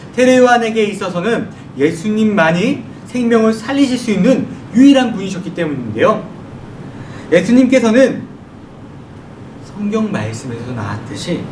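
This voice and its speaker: A man giving a children's sermon, in a lively way. He asks the children questions and answers them himself. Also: high-pitched. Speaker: children's ministry preacher. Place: church worship room. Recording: echoey room from far off, noisy.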